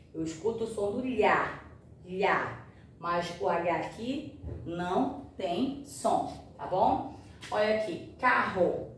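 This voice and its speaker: A woman with a lowish, darkish voice teaches a grammar lesson, explaining patiently and often checking that her students are keeping up. The recording is echoey and distant from the mic, with faint noise.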